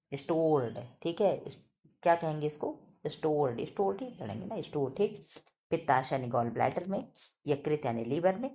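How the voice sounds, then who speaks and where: A woman with a heavy, deep voice teaching an online exam-prep quiz, speaking loudly and emphatically, repeating questions back to students. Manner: loud, emphatic, scolding-friendly teacher. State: sore throat.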